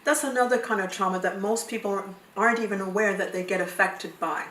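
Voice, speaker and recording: A woman counsellor explaining things in a calm, measured way. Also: medium pitch, slight background noise. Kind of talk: explaining to camera. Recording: roomy echo, distant mic.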